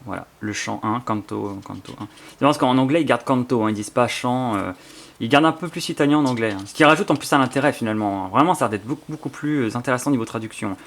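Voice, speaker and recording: A man with a French accent talks through an unboxing in a rambling, enthusiastic way, full of fillers and restarts. His voice has a gravelly, creaky edge, and faint noise hums underneath. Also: mid-range voice, fast talker, a bit bright. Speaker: YouTuber presenting his book collection. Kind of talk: casual spontaneous unboxing chat.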